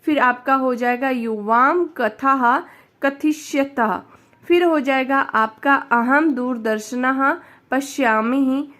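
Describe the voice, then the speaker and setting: Lady teacher going over a lesson, slow and patient, kinda high voice, repeats every answer. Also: a bit bright. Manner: patient, repeats each answer, addresses students directly. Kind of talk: explaining a textbook lesson.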